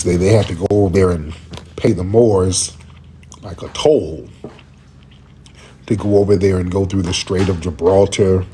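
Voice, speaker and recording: A man's voice: fairly low pitch, warm tone, a little hiss or hum. A man hosting a casual livestream call-in, rambling and searching for words while he is under the weather. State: under the weather, lozenge in mouth.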